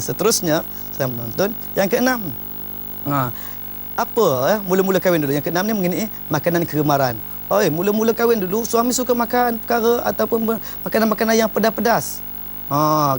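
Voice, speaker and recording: A fast-talking man gives marriage advice in an informal talk. His voice sits a little high, and he presses his points emphatically, often starting his lines with "ha". A faint hum runs under the recording. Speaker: speaker giving marriage advice.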